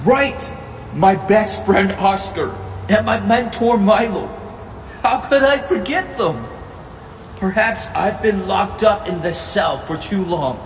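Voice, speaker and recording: A man's voice: high-pitched, expressive, slow pace, reverberant, long reverb tail, distant mic, full character voice, poor audio. A man voicing a young cartoon cat hero who is earnest, emotional and full of self-doubt. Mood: wistful. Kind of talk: animated web series dialogue. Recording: music behind the voice.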